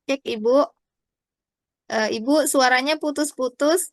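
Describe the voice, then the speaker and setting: A fairly high-voiced woman, heard through a shaky video-call connection that places her at a distance from the mic. She keeps her remarks short and matter-of-fact, reporting on the connection in a casual way. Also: dry recording, studio quality. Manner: quick short check-ins, reporting on the connection. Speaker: participant in an online teacher workshop.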